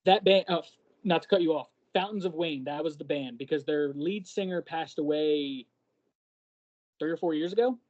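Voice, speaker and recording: A man's voice: on the high side, moderate pace, darkish tone, lo-fi sound. A man co-hosting a podcast, chatting casually and hesitating with lots of ums while he searches for words. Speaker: podcast co-host. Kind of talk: casual chat.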